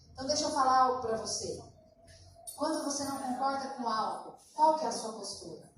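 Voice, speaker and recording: A woman pastor preaching a sermon, telling a lively personal story and acting out conversations. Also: high voice, background noise. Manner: animated storytelling, acting out dialogue. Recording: echoey church hall from far off.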